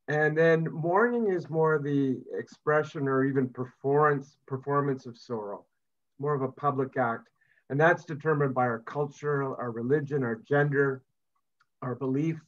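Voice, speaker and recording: A man's voice: mid-range voice, muffled recording. A middle-aged man, a psychiatry professor and psychotherapist, giving a reflective remote talk over a video call, often restarting his phrases with small fillers. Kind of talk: remote talk to an online audience.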